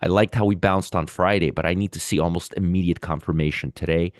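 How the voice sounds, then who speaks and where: Hosting live pre-market market commentary while sick with a sore throat, a man explains in a conversational way, repeating what he says. His deep voice is fast with fairly even intonation, studio quality and no echo.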